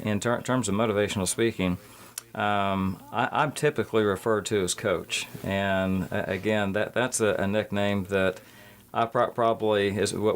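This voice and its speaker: A man speaking as a motivational speaker guest on a radio interview, earnest and often stammering and restarting his words. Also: on the low side.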